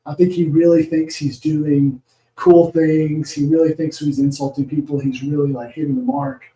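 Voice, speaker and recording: A man's voice: on the high side, little pitch movement, moderate pace, mellow. Wry man in an echoey room. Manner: wry, hedging, critical commentary. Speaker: podcast guest. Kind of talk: casual podcast chat.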